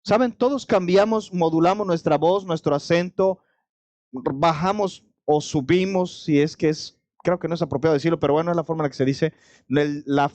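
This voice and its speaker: Man, Mexican accent, pastor, sermon, high voice, dry sound, rhetorical questions. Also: a little mellow, no room sound, dull audio. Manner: conversational preaching with direct address and rhetorical questions.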